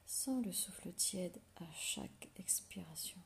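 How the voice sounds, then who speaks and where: A woman leads a guided relaxation meditation in a soft, intimate whisper right in your ear, giving slow, soothing instructions with long pauses. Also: lowish voice, lively intonation, vocal fry.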